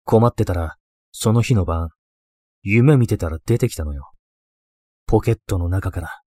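A man's voice: mid-range voice, animated, normal speed, a little mellow, dry recording, natural voice. Man doing an eccentric male occult mentor, ghost story dialogue, terse, wistful, matter-of-fact, dry recording.

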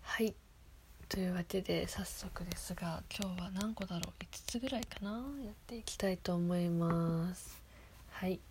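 Woman, soft whisper, giggly, lowish voice, faint background hiss. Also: fairly even intonation, moderate pace. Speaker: host of a reading segment. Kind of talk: whispered reading and commentary.

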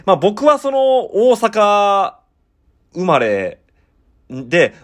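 Man, 30s, western Osaka Kansai accent, podcast host, casual solo chat, rambling, lively pitch. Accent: western Osaka Kansai dialect. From Osaka, Japan. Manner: chatty, rambling explanations. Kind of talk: casual solo talk reading listener letters.

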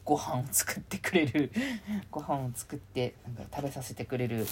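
A woman with a very deep, darkish voice hosts a casual solo podcast at home, chatting and rambling while she sorts clothes. She speaks at a moderate pace with lively intonation, and the home recording is noisy.

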